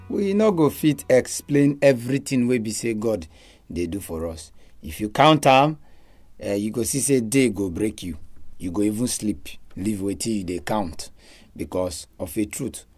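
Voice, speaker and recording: A man speaks Nigerian Pidgin with a Nigerian accent, giving religious advice on radio. His voice is fairly low. He delivers it emphatically, swelling and dropping in loudness.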